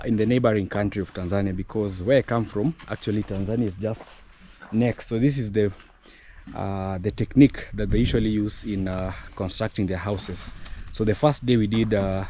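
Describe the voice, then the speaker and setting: A man's voice: on the low side, mellow, a little hiss or hum. A young man, from East Africa, giving a friendly step-by-step walkthrough for viewers at a village building site outdoors. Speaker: vlogger. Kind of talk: casual vlog walkthrough.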